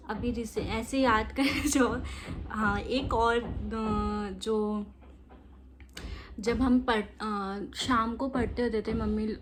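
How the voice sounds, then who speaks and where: A woman's voice: fairly high pitch, a little hiss or hum. A young woman chatting casually while doing her makeup, laughing as she tells childhood stories. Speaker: makeup vlogger.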